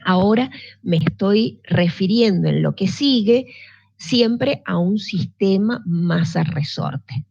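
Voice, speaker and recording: A woman's voice: mid-range voice, lively intonation, slow pace, gravelly, warm tone, husky. A woman teaching physics in an online class, explaining patiently and checking in with her students. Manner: patient, explanatory, with frequent restarts and check-ins. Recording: dull lo-fi sound.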